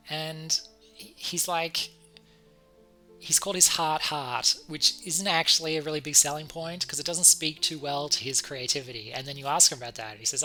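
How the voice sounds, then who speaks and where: A man reads a visual novel aloud as a let's play host, with a very bright, sharp voice. He slips between narration and wry, halting asides. Faint music plays behind him. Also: mid-range voice. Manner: stop-start, repeats words, wry asides. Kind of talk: reading a visual novel aloud with casual commentary.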